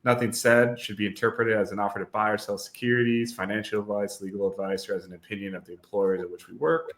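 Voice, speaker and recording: Bright-voiced young host in an echoey room. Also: male voice, on the low side, flat delivery, fast talker. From Wisconsin, US. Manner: upbeat, loose, filler-heavy. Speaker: podcast host. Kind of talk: casual technical podcast hosting.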